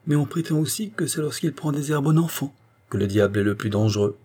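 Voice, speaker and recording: A man voicing a naive, frank young girl from a convent in an audiobook, lifting his voice higher. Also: a little fast, breathy edge, close to an everyday voice. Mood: shy. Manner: bright, higher girlish voice. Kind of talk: audiobook character reading.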